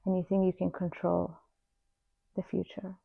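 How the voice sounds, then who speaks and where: A woman in her forties from Iran, slowly and earnestly telling her life story to the camera. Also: fairly low pitch, completely flat delivery, vocal fry, slightly rough. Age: 40s. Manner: slow, reflective, heartfelt. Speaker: vlogger. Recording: slightly dull lo-fi sound.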